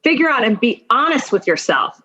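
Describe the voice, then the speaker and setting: Very animated and brisk, this middle-aged woman speaks in a fairly high, bright, forceful and husky voice. An attorney and mentor, she's a podcast guest sharing career advice and personal anecdotes, addressing the listener directly with emphatic encouragement.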